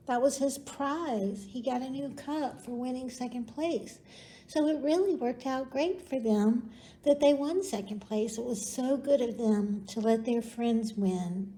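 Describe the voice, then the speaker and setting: A woman with a slightly high, mellow, husky voice hosts a library storytime for young children, reading aloud and singing. She explains things simply and in an encouraging way.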